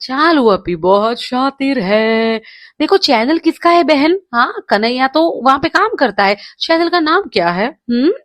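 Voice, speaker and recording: A woman's voice: high-pitched, very animated, measured pace, a bit bright, no room sound. A woman in a casual roast commentary, speaking in a taunting, mocking way.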